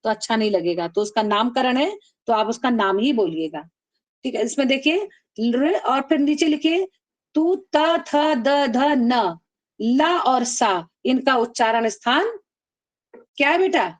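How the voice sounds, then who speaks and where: Woman teacher, high voice, online lesson, slow drilling chants. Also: lively intonation. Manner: calls students "beta", drills them call-and-response; chants rules slowly, syllable by syllable. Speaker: Sanskrit teacher. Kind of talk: online class lecture.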